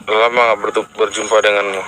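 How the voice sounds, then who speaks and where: A man's voice: fairly low pitch, little pitch movement, fast talker, noisy background. A man hosting, casually coaxing and questioning a spirit in a possession session, with hesitations. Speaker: host.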